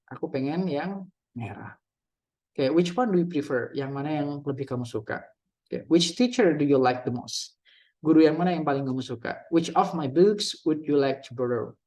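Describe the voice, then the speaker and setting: A man teaching English grammar in a relaxed way, reading out example questions and translating each one. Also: medium pitch. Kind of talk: casual classroom explanation.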